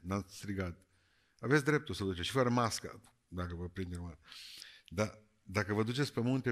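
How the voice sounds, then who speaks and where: A man preaching a sermon, lively and joking, moving between loud calls and quiet words. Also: lowish voice. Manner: lively, jokey, swings between shouting and quiet.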